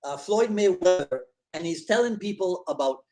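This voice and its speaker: A man hosting a casual conversation, easygoing and quick to agree. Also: sits high, animated, mellow, soft background music. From Barbados. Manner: easygoing, agreeable, frequent affirmations. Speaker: podcast host.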